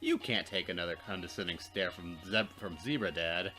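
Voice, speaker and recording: A let's player with a deep voice and sharp tone narrates a game casually at a moderate pace, bantering with a co-host. Game music plays behind him.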